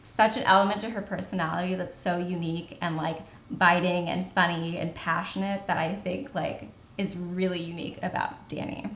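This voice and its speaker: A woman's voice: on the low side, steady tone, moderate pace, few pauses, a bit bright, slight background noise. A woman whose first language is French, co-hosting a casual chat and gushing with many fillers. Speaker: co-host. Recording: roomy, echoey sound.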